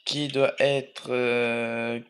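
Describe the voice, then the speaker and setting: A man's voice: mid-range voice, flat delivery, drawn-out words, a bit bright. Young French gamer man talking over music. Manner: mumbles while eating; chatty, swears casually. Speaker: gamer playing a horror game. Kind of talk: casual let's play commentary.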